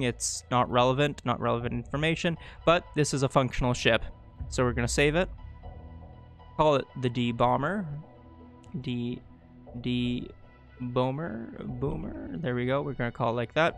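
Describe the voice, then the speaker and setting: A man giving a casual, rambling tutorial while playing a strategy game, often correcting himself mid-sentence. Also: medium pitch. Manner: rambling, self-correcting, chatty asides. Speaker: gameplay guide host. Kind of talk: casual gameplay tutorial commentary.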